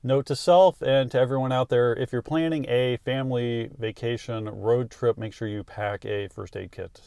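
An enthusiastic man in his thirties from the American South, hosting a road-trip vlog from behind the wheel. He talks straight into a dashboard camera in a mid-pitched voice. The sound is dry and close, with no room echo. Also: steady tone, moderate pace, creaky, darkish tone, smooth. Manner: enthusiastic, talking straight to camera while driving. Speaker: travel vlog host. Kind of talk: upbeat vlog narration. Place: inside a car.

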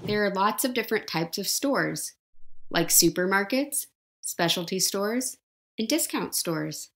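A woman narrates a scripted life skills lesson, going through each step slowly and simply while posing questions to the viewer. Her voice is medium in pitch and a bit bright, with lively intonation.

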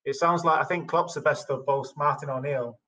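A young man hosting a show talks very quickly in a slightly high voice. He builds long, emphatic points while interviewing a guest over a video call from an indoor room. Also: steady tone, pushed and bright, poor audio. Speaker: show host.

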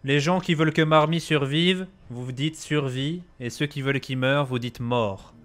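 A man streaming a game live, talking to chat and friends, excitable and swearing often. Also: mid-range voice, normal speed. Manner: excitable, swears a lot, shouts when laughing.

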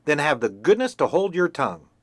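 A man's voice: sing-song, a little fast, no room sound. A man voicing a bossy, haughty hen who lectures and scolds. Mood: scolding. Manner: scolding, shrill.

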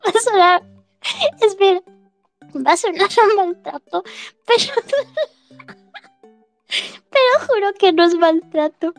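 Giggly high-voiced woman streamer chatting. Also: no echo. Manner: giggly and rambling, laughs often between phrases. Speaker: streamer hosting a live audio chat. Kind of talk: casual chat to listeners.

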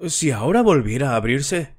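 A man's voice: very animated, moderate pace, slightly rough. A man narrating an audiobook, voicing a frightened middle-aged widow in a frantic, pleading voice. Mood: fearful. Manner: frantic, pleading, high and strained.

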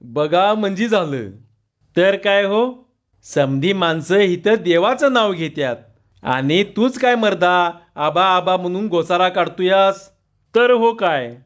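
Grumbling village pilgrims jeer in rustic speech, all voiced by a male storyteller. The voice is fairly high. The sound is muffled and lo-fi. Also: animated, slow pace. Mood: mocking. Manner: mocking rustic talk.

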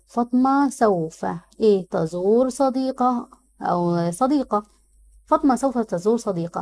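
Going through exam answers, a woman English teacher with an Egyptian Arabic accent reads the English options aloud slowly, then explains them in Arabic. She has a warm, medium-pitched voice.

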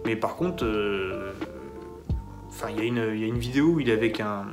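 A man's voice: fairly low pitch, fairly quick, music in the background. A man giving a casual solo film review, sarcastic and mocking as he rambles along.

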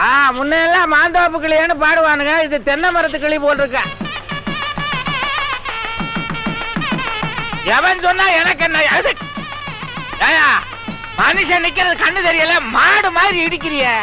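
An actor playing a cranky, sarcastic middle-aged village man who scolds and mocks with quick retorts in a film comedy scene. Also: extremely high pitch, fairly even intonation, over music. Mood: irritated, mocking. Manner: scolding, mocking rapid-fire retorts. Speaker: wedding guest hunting a bride.

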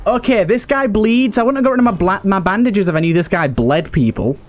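A gaming YouTuber and host gives casual let's play commentary with game music behind him, sounding anxious and exasperated and often repeating himself. His voice is high-pitched, brisk, and lively in intonation.

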